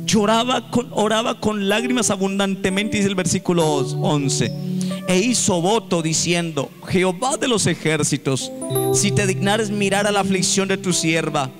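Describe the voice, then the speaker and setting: A man's voice: high voice, moderate pace, over music. A man preaching a sermon in a church, reading scripture aloud and rising into sung, pleading prayers. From Colombia. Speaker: pastor.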